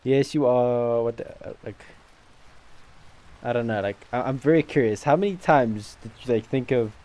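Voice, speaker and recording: Here the gaming channel host speaks in a medium-pitched, a little mellow voice at a moderate pace. His talk is loose gameplay banter with friends, rambling and packed with fillers.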